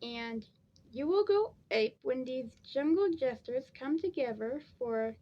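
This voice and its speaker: Sleepy woman, high voice, rambling home review, dull lo-fi sound. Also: expressive, measured pace. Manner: rambling, repeats herself. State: tired, sleepy. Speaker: DVD reviewer. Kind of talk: casual review vlog.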